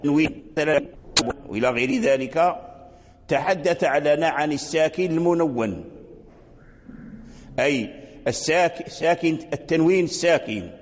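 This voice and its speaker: An older man teaching Quranic readings in a lecture, explaining slowly with repetition and chanting the verse examples. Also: a little high, lively intonation, a little hiss or hum. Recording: long hall reverb.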